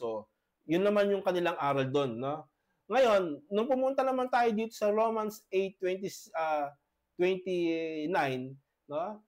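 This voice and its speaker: High-voiced halting pastor with a cough. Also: male voice, darkish tone. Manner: halting, many tag questions. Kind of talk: debate presentation.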